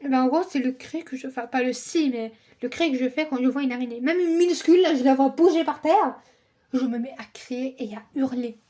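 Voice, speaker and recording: A woman's voice: high voice, a little fast, warm tone. A young woman hosting a reaction video, chatting casually with rambling, self-correcting asides and acting out lines in exaggerated voices. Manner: playful, reads the characters' lines aloud in exaggerated voices.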